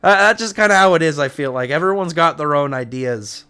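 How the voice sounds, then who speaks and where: A slightly high, bright, forceful voice that is smooth, animated and fairly quick comes from a man hosting a livestream. He casually chats with viewers and reads their comments, rambling, jumping between asides and repeating himself.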